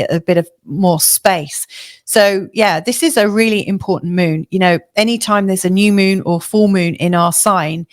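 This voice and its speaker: Female astrologer, chatty, slightly hoarse, low-ish voice, lots of ums. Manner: chatty, many fillers and restarts. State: slightly hoarse, losing her voice. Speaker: astrologer giving a weekly forecast. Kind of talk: casual spoken forecast to camera.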